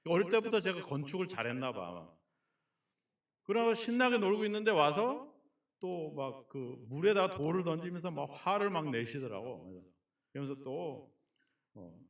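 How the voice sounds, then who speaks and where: Male pastor, middle-aged, folksy joking sermon style, slightly high voice, picked up far off in a roomy sanctuary. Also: big pitch swings, normal speed. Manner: folksy, joking storyteller who asks the congregation questions. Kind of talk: sermon with personal stories. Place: church sanctuary. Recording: echoey church from a distant mic.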